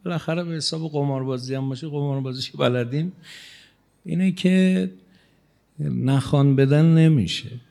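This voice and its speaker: A male cleric giving a religious sermon in a conversational, teasing manner, his loudness rising and falling as he speaks. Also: on the high side, vocal fry, long pauses. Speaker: cleric preacher.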